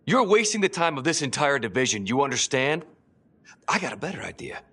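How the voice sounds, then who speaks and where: An actor playing a crude, hostile police detective who sneers and swears in a game. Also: male voice, mid-range voice, very animated, fairly quick, fairly bright tone, breathy edge, heavily acted. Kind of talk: game voice acting.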